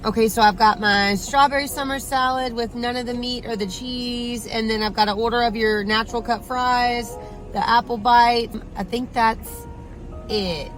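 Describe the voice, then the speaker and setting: A woman's voice: a little high, steady tone, normal speed, a bit bright, faint music behind, poor audio. A woman vlogging casually from her car at a drive-thru, talking in a chatty, upbeat way with plenty of fillers. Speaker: vegan food vlogger and mom. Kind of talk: casual vlog chat.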